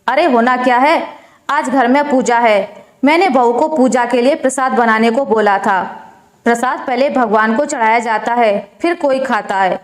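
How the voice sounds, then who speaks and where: A woman's voice: a little high, normal speed, natural voice. Woman voicing a nagging stern mother-in-law. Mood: scolding. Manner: sharp, nagging. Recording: roomy echo.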